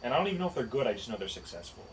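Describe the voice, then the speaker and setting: A man co-hosting a podcast in casual chat, animated and incredulous, laughing often. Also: medium pitch, very fast, a little hiss or hum, low-quality recording. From United States. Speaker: podcast co-host.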